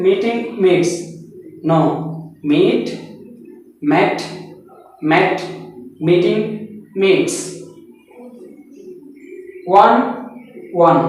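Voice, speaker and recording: A man with a Telugu accent teaching an English lesson, spelling words out letter by letter and explaining them in Telugu. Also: high-pitched. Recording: very echoey room, voice from a distance.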